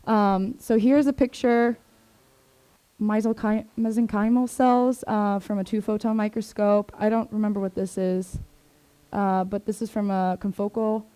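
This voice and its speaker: A Swedish-born woman in her 20s who was raised in Maryland, USA, gives a casual career talk to students in a classroom, her voice medium-pitched, steady, mellow, clear and resonant, a little slow. She's chatty and informal, full of fillers and asides, and is recorded by a 360 camera in the room.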